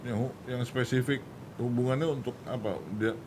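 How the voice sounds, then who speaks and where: A woman with a very deep voice hosts a casual podcast chat. She asks curious, short questions, with a faint rumble underneath. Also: fairly even intonation, moderate pace. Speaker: host.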